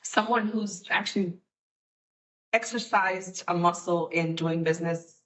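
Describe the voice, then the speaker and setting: Low-voiced woman from Guyana, reflective. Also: a little slow, a bit bright, recorded from a distance. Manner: earnest and reflective, many fillers. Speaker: guest, nonprofit CEO. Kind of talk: podcast panel introduction.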